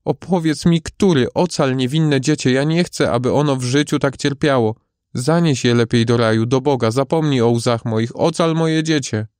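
A frantic young mother begs and cries out in a high, strained voice, as a male storyteller puts her on. She sounds close to tears in a fairy-tale audiobook. The reading is dry and close, with no room sound. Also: normal speed, dry recording, lightly acted. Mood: pleading. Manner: high, loud, pleading outbursts. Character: desperate grieving mother, pleading and crying.

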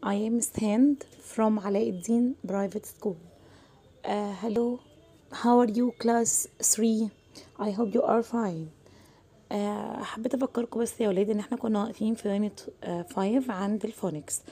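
A young woman with an Egyptian accent teaching a phonics lesson to children, saying English words slowly and explaining in quicker Arabic. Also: mid-range voice, fairly even intonation, warm tone, breathy edge. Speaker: primary school English teacher.

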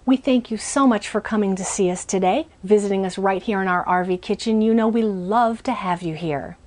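A woman's voice: medium pitch, brisk, a little mellow. A woman in her forties hosting a cooking show from a small RV kitchen, chatty and upbeat as she walks through each step. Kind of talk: cooking demonstration.

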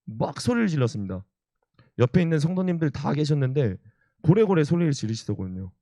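A man's voice: on the high side, very animated, fairly quick, mellow, no echo, clean studio sound. A young man, an evangelist, preaching a sermon and telling personal stories earnestly. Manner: earnest storytelling, acts out quotes.

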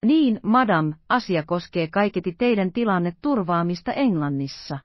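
A woman voicing a loyal, anxious young French manservant in an audiobook, speaking slowly and earnestly. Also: fairly low pitch, expressive, no room sound, dull audio, natural voice. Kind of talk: audiobook character voice.

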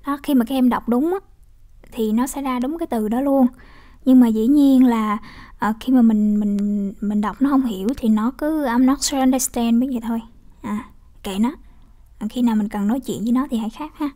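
Young woman teacher, Vietnamese accent, soft warm tone, slightly high voice, explanatory classroom manner. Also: normal speed. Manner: explanatory, with frequent tag questions. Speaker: English teacher. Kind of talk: exam walkthrough lesson.

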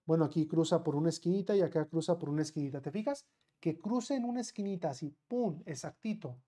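A middle-aged man with a Mexican accent teaching a live online math class, chatty, firing quick questions at students and counting out steps slowly. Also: on the high side, warm tone.

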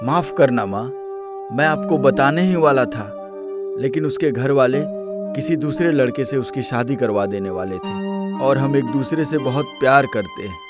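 A man's voice: mid-range voice, moderate pace, natural voice. A man voicing Rabin, an earnest young husband and son, in a cartoon story with music underneath. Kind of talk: cartoon voice acting. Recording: music bed under dialogue.

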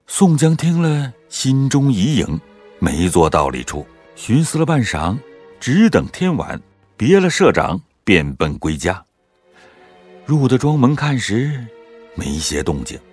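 A man narrating a classic story in a measured, expressive way. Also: medium pitch, slightly rough, faint music behind.

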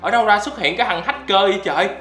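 Excitable gaming commentator. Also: male voice, high-pitched, very fast, reverberant, faint music behind. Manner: excitable, frequent loud exclamations. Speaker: gaming YouTuber. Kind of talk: gameplay commentary.

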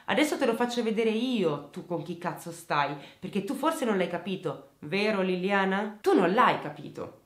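A woman's voice: mid-range voice, very animated, moderate pace, hardly any pauses, reverberant, close to an everyday voice. A woman reading out a raging young man's phone rant. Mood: enraged. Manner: yelling, insulting, threatening. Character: aggressive young man shouting on the phone.

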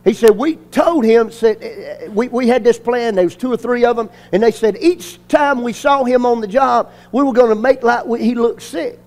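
A pastor, preaching a sermon, repeating phrases and calling on the congregation to answer. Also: male voice, very high voice, moderate pace, few pauses, darkish tone. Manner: call-and-response preaching with repetition and emphasis.

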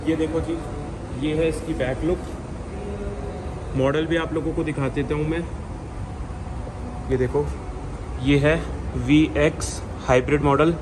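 A young man talks his viewers through a car in a showroom, loose and chatty, peppering his lines with filler words. His voice sits a bit high for a man, and clear background noise runs under him in the space. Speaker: car reviewer. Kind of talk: casual car walkaround vlog.

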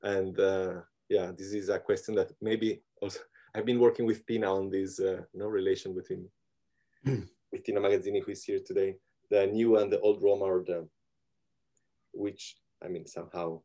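A man with an Italian accent moderating an academic webinar over a video call, halting and searching for words. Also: deep voice, level tone, dark tone.

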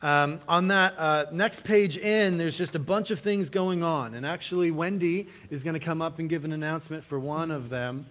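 A man, the pastor, giving friendly church announcements in a relaxed way with small fillers. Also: a little high, normal speed, few pauses. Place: church sanctuary.

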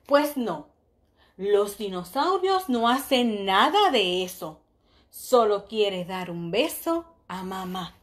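A woman teacher reading a storybook aloud to young children, full of exclamations and questions to them, softening at bedtime. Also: mid-range voice, very animated. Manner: slow and soft at bedtime.

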